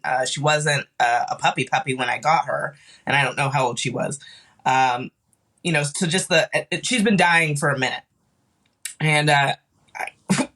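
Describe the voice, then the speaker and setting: A woman guest on a podcast, grieving and tearful, talking haltingly with many restarts. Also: sits low, pushed and bright. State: grieving, cried off and on. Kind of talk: casual chat.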